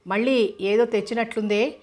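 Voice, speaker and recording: A woman's voice: fairly high pitch, fairly even intonation, moderate pace, darkish tone, close to an everyday voice. A woman voicing a spiteful orphanage maid who grumbles in a scornful manner.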